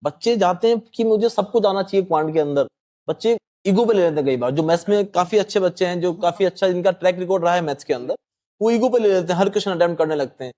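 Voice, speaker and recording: A man's voice: high voice, fast, mellow. A man explaining maths exam strategy patiently, politely addressing the host as sir. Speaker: quant teacher. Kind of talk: explanatory panel talk.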